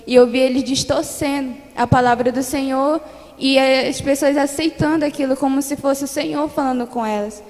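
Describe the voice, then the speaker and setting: A woman's voice: sits high, fairly even intonation, moderate pace, darkish tone, big-room sound. A Brazilian woman earnestly recounting a vision to her congregation, repeating herself and calling the listeners beloved. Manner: earnest, repetitive storytelling, addresses listeners as beloved. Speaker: church member giving testimony.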